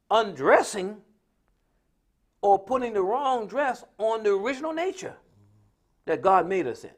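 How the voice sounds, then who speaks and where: On a religious live stream, an American man with a high voice, well above most men's, gives spontaneous preaching-style commentary on society. He tells stories in a colloquial way, emphatically repeating himself to press his points.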